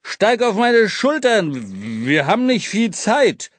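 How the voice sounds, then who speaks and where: Sly, raised-pitch hobo king with a slow, teasing drawl, a male narrator puts him on. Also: very animated, no echo. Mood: urgent. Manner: sly, teasing, then urgent and shouting. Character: big sly old hobo king, man. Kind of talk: audiobook character voice.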